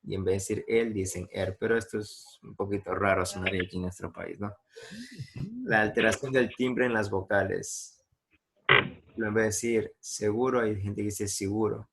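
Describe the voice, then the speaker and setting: A low, gravelly male voice with an Ecuadorian accent, teaching a class over a video call. He explains patiently, stopping for examples and asking his students whether they follow. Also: steady tone, moderate pace, background noise. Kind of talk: online class lecture.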